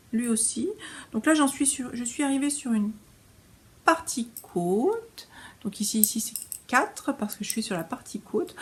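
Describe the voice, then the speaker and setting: A middle-aged woman hosting a knitting podcast, chatting casually as she shows her work, with many fillers and restarts. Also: on the high side. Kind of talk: casual show-and-tell chat.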